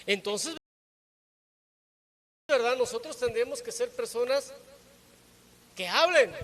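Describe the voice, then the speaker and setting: A man's voice: very high-pitched, lively intonation, slow pace, fairly bright tone. A man preaching a sermon to his congregation, teaching with rhetorical questions and often checking in with tag questions.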